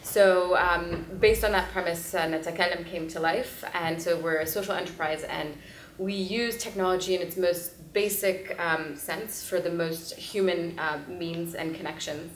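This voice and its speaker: A woman from Lebanon raised in New York, introducing herself on a conference panel with many pauses and fillers. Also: lowish voice, steady tone. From Lebanon, raised in New York City. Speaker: panelist, social enterprise founder. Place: conference hall stage. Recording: echoey hall with faint noise.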